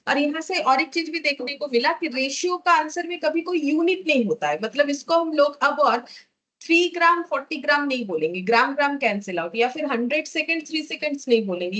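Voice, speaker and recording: A woman's voice: high-pitched, a bit bright, rough recording. A woman teacher explaining a math lesson step by step, checking in with the class often.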